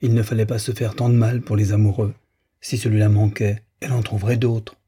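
A man reading a classic novel aloud as an audiobook narrator, in a measured, even manner. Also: on the low side, husky. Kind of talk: scripted literary narration.

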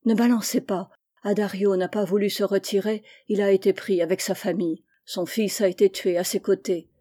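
Woman reading a grave, kindly captain pleading with urgency; mellow voice. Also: medium pitch, fairly even intonation, moderate pace, close to an everyday voice. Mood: urgent. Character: stern but kindly army captain, urgent.

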